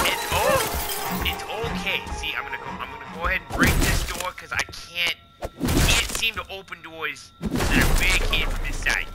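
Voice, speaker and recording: A man's voice: high-pitched, poor audio. A man putting on a Canadian accent to play a masked slasher as a chatty, rambling hoser, stammering and tagging lines with "eh". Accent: put-on Canadian. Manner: rambling, stammering folksy patter ending lines with "eh". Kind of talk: comic role-play over gameplay. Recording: loud game music and sounds behind.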